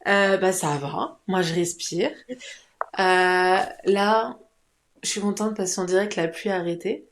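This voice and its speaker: A woman's voice: mid-range voice, steady tone, unhurried. A woman co-hosting a podcast in casual chat. She is playful and laughs often. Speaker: podcast co-host.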